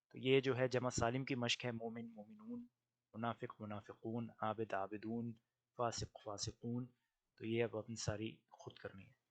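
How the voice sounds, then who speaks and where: Male grammar teacher, native Urdu speaker, mid-pitched, patient, drills word pairs slowly. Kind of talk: recorded online lesson.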